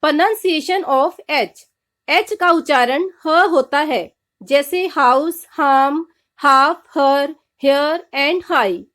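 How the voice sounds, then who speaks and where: A woman with a high voice teaches pronunciation at a slow, careful pace. She spells out letters one by one and lists example words with a steady teacherly manner. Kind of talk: slow instructional explanation.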